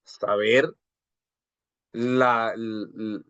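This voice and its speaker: A man's voice: on the low side, fairly even intonation, very slow, a bit bright, dry recording. A man giving a live online grammar lecture as a university teacher. He asks rhetorical questions, checks in with "¿cierto?", and often repeats and restarts words as he explains. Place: video call class. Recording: dry, slightly dull video call audio.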